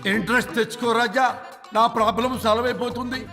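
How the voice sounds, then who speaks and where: A wheedling ghost. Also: male voice, very high voice, steady tone, a little fast, full character voice. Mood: coaxing. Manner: wheedling, coaxing. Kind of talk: film comedy acting. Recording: film soundtrack with loud music and reverb.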